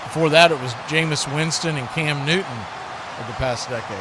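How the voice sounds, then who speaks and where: Calling American football live, a man talks briskly in a fairly high voice, clipping his phrases short. Big plays make him raise his voice, and the live stream carries plenty of background noise.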